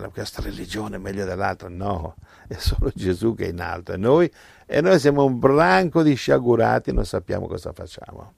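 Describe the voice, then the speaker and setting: Male preacher, deep and slow, fiery sermon delivery. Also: gravelly, dry recording, studio quality. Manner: impassioned, swinging from low murmurs to loud exclamations. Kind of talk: evangelical sermon.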